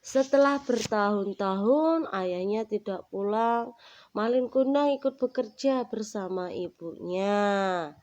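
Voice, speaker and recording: A woman telling a folktale to her small child in a simple, slow storytelling manner at home. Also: medium pitch, a little mellow. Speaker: parent reading to a child. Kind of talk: bedtime story narration. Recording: dull recording with faint noise.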